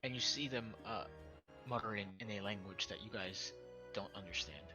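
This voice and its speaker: A man's voice: fairly low pitch, moderate pace, over music. A man narrating a tabletop game as game master, describing scenes with frequent restarts and self-corrections.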